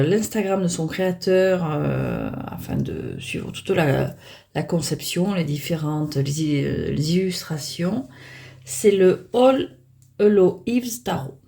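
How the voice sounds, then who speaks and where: Woman chatting thru a tarot unboxing, low gravelly voice, lots of umms and restarts. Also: mellow. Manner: chatty, hesitant, many fillers and restarts; self-mocking. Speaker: tarot deck reviewer. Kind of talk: casual unboxing chat.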